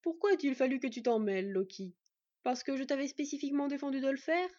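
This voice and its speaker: A woman voicing a gentle, grave old one-eyed god who speaks softly and kindly, on a dull lo-fi recording. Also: sits high, no room sound, voice pushed up, lightly acted. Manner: soft, kindly, measured.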